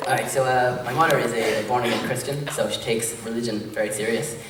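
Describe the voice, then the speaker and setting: Brief: young Irish man, rambling stand-up delivery, distant mic, clear room noise behind. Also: mid-range voice, steady tone. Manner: chatty and rambling, with many filler pauses. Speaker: stand-up comedian. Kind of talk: live stand-up comedy. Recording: echoey club room, mic far off. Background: crowd laughter and room noise.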